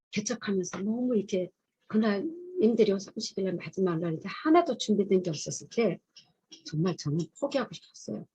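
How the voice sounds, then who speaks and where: A middle-aged woman shares her testimony at a chapel service, telling her story earnestly and openly. Her voice sits low and mellow, with a strongly husky, breathy edge. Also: muffled recording. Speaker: pastor's wife giving testimony. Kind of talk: testimony sermon.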